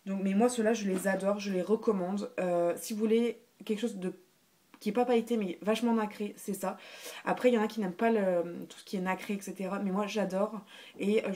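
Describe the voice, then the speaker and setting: A woman's voice: mid-range voice, darkish tone, slight background noise. A woman chatting casually through a beauty haul video, hesitant, with many fillers and restarts. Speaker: beauty vlogger.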